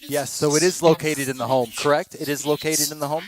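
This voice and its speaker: A man's voice: on the high side, fairly even intonation, fairly quick, crowd noise. A man hosting a late-night live stream and trying to contact spirits, talking to his chat in a wry, self-mocking way. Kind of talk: casual live-stream commentary.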